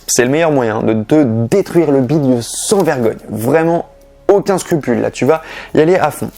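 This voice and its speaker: A man's voice: medium pitch, animated, normal speed, gravelly, dark tone. A young man with a French accent giving fitness and diet tips in a casual, direct vlog, talking straight to the viewer. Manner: chatty, direct, addresses viewer informally. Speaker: fitness youtuber.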